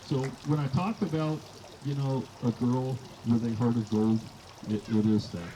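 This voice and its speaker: A man's voice: medium pitch, normal speed. A middle-aged man giving an informal wedding toast as father of the bride, telling stories in a folksy way. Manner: folksy storytelling, acting out quoted dialogue. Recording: live event with clear background noise.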